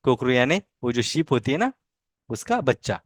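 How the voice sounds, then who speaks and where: A male language teacher leading a pronunciation lesson, repeating each word slowly several times and then explaining patiently. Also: mid-range voice, sing-song, dry recording.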